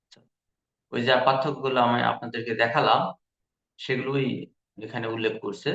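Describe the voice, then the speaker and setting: A man's voice: medium pitch, steady tone, fairly quick, a bit bright, muffled recording. A man teaching a Quran recitation class, patiently drilling each letter sound and repeating syllables. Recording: echoey room.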